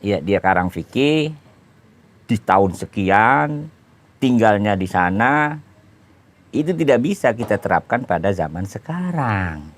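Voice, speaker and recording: Casual Indonesian preacher, chatty teaching tone. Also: male voice, fairly low pitch, very animated, measured pace, long pauses. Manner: conversational, explaining with everyday examples and repeated tag phrases. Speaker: Islamic preacher. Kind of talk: informal religious lecture.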